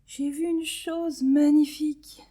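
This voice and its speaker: A woman voicing a shy, lovestruck male dung beetle in a children's storybook reading, soft and hesitant. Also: high voice, level tone, takes it slowly, voice pushed up. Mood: dreamy.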